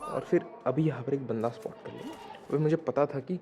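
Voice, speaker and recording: A young man giving casual, slangy, excited commentary over his gameplay highlights. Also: fairly quick. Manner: excited, slangy, talks to viewers as "bhai". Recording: voice-over with loud background music.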